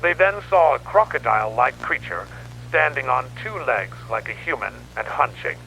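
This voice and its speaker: In this scripted analog horror narration, a man voices a grim newspaperman logging a horror investigation, his delivery dramatic, grave, grim and ominous. His pitch is medium and his pace moderate, with lively intonation and a bright, forceful tone. It's captured on noisy, radio-like tape with a hum.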